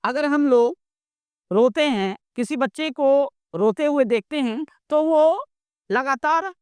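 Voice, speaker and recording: A woman's voice: high-pitched, expressive, slow, darkish tone, no echo, clean studio sound. A woman from India teaching a classroom grammar lesson. She asks questions and answers them herself, repeating each point as a drill.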